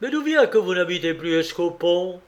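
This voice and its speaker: A man's voice: high-pitched, lively intonation, normal speed, pitched above the performer's own voice. A man voicing a tearful old prophet. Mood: moved, solemn.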